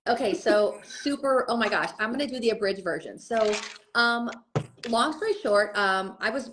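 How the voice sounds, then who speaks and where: A woman in her forties, born in the United States and raised in Colombia, telling her life story as a guest on a live video chat, in an animated way that speaks straight to the audience. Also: fairly high pitch, normal speed, background noise. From born in the United States, grew up in Colombia. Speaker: guest, network marketing leader. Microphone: video call.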